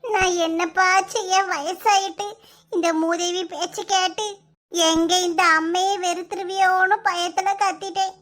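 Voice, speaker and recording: A woman voicing a dramatic, scolding old village mother-in-law in a Tamil cartoon, loud and wailing, with a Kanyakumari Tamil accent. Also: very high-pitched, steady tone, measured pace. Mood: fawning. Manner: loud, wailing and self-pitying. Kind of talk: cartoon voice acting.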